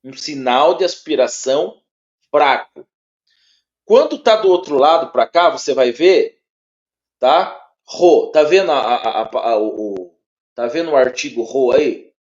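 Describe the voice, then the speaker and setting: A man with a Brazilian Portuguese accent teaching a one-on-one lesson. He talks haltingly, repeats words and checks in often. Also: mid-range voice, expressive. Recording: dull lo-fi sound.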